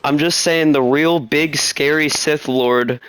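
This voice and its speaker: A man's voice: fairly high pitch, steady tone, slow pace, fairly bright tone, smooth, no echo. A young man chatting casually while gaming, teasing and laughing often. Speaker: gamer. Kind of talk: casual game chat.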